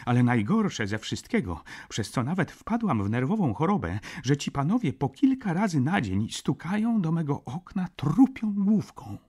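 A high, shrill, hysterical noblewoman, put on by a man reading an audiobook, wailing her grievances. Her voice swoops wildly up and down and has a husky edge. She sounds close and clear, like a storybook read aloud. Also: big pitch swings, normal speed, hardly any pauses, a little mellow. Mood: shrill complaint. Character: hysterical aristocratic baroness, middle-aged woman. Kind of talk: audiobook character voice.

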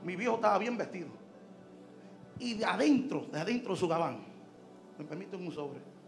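A man preaching a sermon with a gravelly voice, telling a personal story that swings from hushed storytelling to shouting. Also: high voice, normal speed, soft background music. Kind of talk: sermon testimony.

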